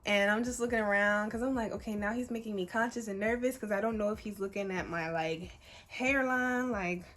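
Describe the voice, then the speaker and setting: A woman of about twenty telling a story to camera in a casual, animated, chatty way, full of fillers and swearing. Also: medium pitch, a little fast. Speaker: vlogger.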